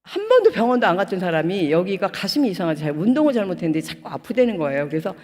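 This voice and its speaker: A woman's voice: on the low side, racing. Fervent woman pastor, echoing hall. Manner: animated storytelling, acting out quoted dialogue; emotional, rising to fervent outbursts. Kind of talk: testimony sermon at a prayer retreat. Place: prayer retreat hall. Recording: long reverb of a large hall.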